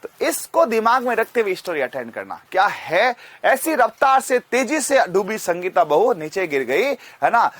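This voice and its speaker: A man teaching chemistry in an energetic, motivational way, often repeating phrases and slowing down to drill memory tricks. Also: high voice, no room sound. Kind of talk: energetic classroom lesson with mnemonic story.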